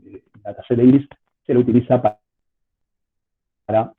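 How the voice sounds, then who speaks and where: A man's voice: mid-range voice, fairly even intonation, normal speed, slightly rough. A man with an Argentine accent giving an informal online lecture as a teacher, hesitant and repeating words as he explains, heard through choppy call audio. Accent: Argentine Spanish. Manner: hesitant, repetitive phrasing while explaining. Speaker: university statistics lecturer. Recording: choppy phone-like call audio, faint noise, clicks.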